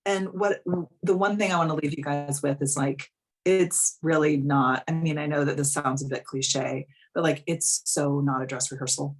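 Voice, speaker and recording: A woman in her thirties talks through a live coaching call in a slightly low voice. She is frank and chatty, swears now and then and fills her sentences with "like.". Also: fairly even intonation, normal speed. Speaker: life coach.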